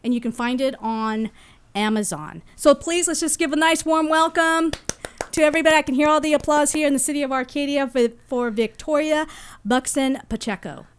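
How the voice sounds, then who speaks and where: A woman's voice: sits high, brisk. A woman hosting a local community podcast, chatting in a rambling way with frequent restarts, sitting in a studio with her guest. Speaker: podcast host.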